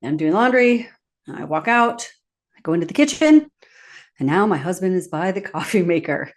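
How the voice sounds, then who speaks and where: A woman's voice: fairly low pitch, animated, moderate pace. A woman hosting a podcast who tells a personal story and laughs as she acts out her own quotes. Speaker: podcast host.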